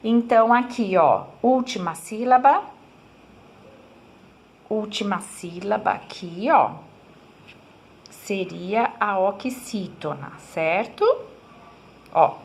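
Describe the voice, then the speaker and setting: Slow, patient teacher woman. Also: mid-range voice, gravelly, a little hiss or hum. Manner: patient, explanatory, frequent "tá?" checks. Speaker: primary school teacher. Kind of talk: recorded remote class lesson. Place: home room, writing on board.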